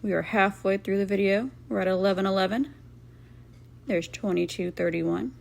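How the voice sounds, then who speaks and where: Hosting a craft video, a woman narrates her painting in a casual, rambling voice-over, her voice creaky with vocal fry at an ordinary female pitch and a darkish tone. She is playfully sarcastic in a dry way and quick to poke fun at herself.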